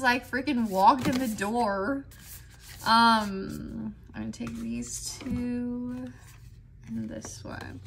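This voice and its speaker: A woman's voice: fairly high pitch, a bit bright, slight background noise. A young woman giving a casual tarot card reading indoors, rambling and chatty and filling her talk with "like". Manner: rambling, heavy with "like" fillers, chatty. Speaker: tarot reader. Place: indoors at a desk, in a squeaky chair.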